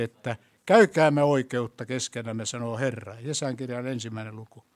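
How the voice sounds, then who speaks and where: A man preaching a sermon in a church, asking the congregation questions and rising to loud, emphatic peaks before closing in prayer. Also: fairly high pitch.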